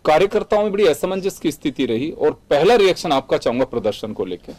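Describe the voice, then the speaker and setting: News anchor man, slightly high pitch. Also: big pitch swings, fast, darkish tone. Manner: probing, interjecting questions. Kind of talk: moderating a TV debate.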